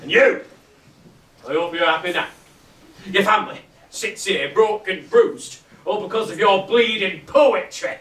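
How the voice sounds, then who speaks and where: Cast: actor as an embittered old patriarch, blunt and scornful, high bright voice, echoey stage farce, taken from far off. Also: male voice, unhurried, a little hiss or hum. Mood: bitter. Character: embittered gruff old working-class family patriarch. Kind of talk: amateur stage farce acting. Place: theatre stage.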